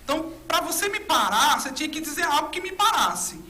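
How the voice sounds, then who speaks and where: High, bright-voiced Brazilian woman telling her testimony. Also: fairly quick, slight background noise. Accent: Brazilian Portuguese. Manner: animated storytelling, acting out dialogue with God. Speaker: pastor and guest. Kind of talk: testimony in a faith interview.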